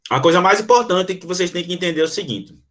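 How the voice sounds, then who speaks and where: A man with a somewhat high voice teaches a live online lesson. He models the sounds aloud as he explains them and often pauses to check that his viewers are following. He also answers their comments as they arrive. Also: lively intonation, fairly bright tone, a little hiss or hum. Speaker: Portuguese teacher.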